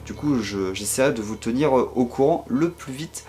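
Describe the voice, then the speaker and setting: A French-accented man chats about his game collection in a loose, unscripted way. He stumbles and restarts often, padding his talk with fillers, at a middling pitch with faint music under him. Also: normal speed, mellow. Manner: hesitant, many fillers and restarts. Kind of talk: casual video commentary.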